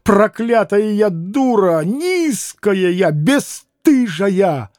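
A man's voice: high-pitched, sing-song, extremely slow, darkish tone, no echo, clean studio sound, heavily acted. A man reading a proud young woman who breaks into anguished, bitter outbursts. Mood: bitter despair. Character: young woman, proud, hurt, self-reproaching.

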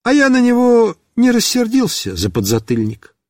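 Animated man reading a children's story. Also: very high voice, normal speed, dry recording, studio quality. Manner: animated first-person storytelling. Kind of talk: scripted narration of a children's story.

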